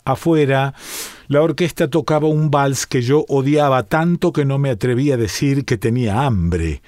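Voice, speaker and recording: A man reading a short story aloud in a calm, measured narrating voice. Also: mid-range voice, no room sound, studio quality. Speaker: reader.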